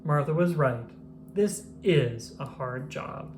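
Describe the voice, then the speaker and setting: Reader putting on george, excitable storybook guy, gets rattled easy, swoopy pitch, some noise behind. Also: slow. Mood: rueful, pleading. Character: George, male character, excitable, easily rattled, earnest. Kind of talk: children's picture book read aloud.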